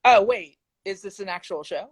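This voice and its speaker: A woman being interviewed in a casual video call, animated, blunt and laughing often. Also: mid-range voice, normal speed, gravelly, husky, rough recording. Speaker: interview guest. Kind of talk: casual chat.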